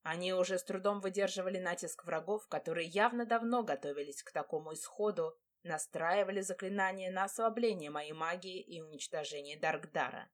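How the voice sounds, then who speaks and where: A woman reading a first-person fantasy romance audiobook in a measured, dramatic way. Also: lowish voice. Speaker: audiobook narrator.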